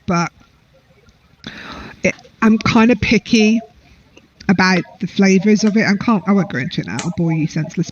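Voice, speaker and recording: An English woman co-hosting a casual chat, chatty and rambling as she reviews snacks. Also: medium pitch. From England. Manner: chatty, rambling, self-deprecating. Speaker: co-host. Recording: dull lo-fi audio.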